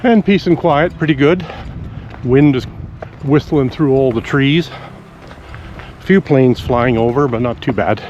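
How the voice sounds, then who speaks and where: A man vlogging outdoors on a country walk, musing aloud in a relaxed, rambling way with pauses as he thinks. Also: mid-range voice, highs cut off, slight background noise. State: out of breath after a steep climb.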